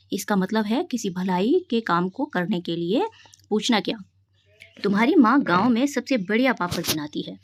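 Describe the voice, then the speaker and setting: A woman's voice: medium pitch, slight background noise. A woman teacher reading a textbook story aloud, repeating lines and explaining idioms for pupils.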